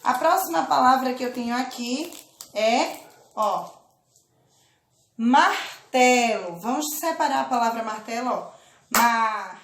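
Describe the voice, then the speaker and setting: A woman teaching a children's lesson, speaking slowly and patiently, drawing out words and often checking in with her listeners. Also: high voice, expressive, roomy sound, a little hiss or hum. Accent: Brazilian Portuguese. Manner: slow, patient, drawn-out syllables with check-in questions. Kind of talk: children's lesson, clapping out syllables.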